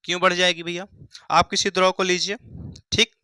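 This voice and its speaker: A man's voice: high-pitched, flat delivery, normal speed, bright, forceful tone, clean tone, dry recording. A young man teaching a Hindi science lesson at a board, who asks the class questions and answers them himself, repeating key phrases. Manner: repeats key phrases, calls students "bhaiya" and "mere bhai".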